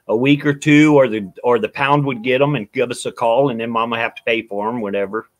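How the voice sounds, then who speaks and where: A middle-aged man chatting casually, telling animated stories and acting out quotes. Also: mid-range voice, fairly quick. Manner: storytelling, animated, acts out quotes. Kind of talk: casual chat.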